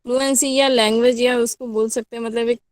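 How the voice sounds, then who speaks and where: A woman's voice: fairly high pitch, little pitch movement, a little fast, no room sound, clean studio sound. Indian woman teacher lecturing a class. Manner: explains in mixed Hindi and English, asks the class questions. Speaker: college teacher.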